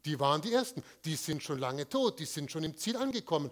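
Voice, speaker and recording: Male preacher with a high voice; emphatic delivery, answers his own rhetorical questions, leans hard on key words. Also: sing-song, a bit bright. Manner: stresses single words with pauses. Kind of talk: sermon with slides.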